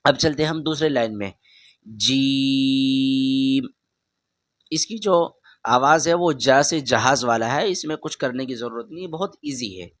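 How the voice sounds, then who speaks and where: A man teaches a beginner's Quran reading lesson in a medium-pitched voice. He explains each letter patiently, stretches and projects the letter sounds, and keeps asking the listener to say them back. The sound is dry and close, with no room echo. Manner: patient, repeats each letter loudly and drawn out; talks straight to the learner, asks them to repeat.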